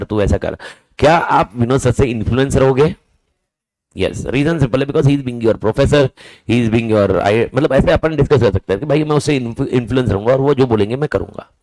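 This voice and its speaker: A man teaching a lively lecture, asking his students questions and answering them himself, repeating key words and calling them "boss" and "brother.". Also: medium pitch, dry recording, rough recording.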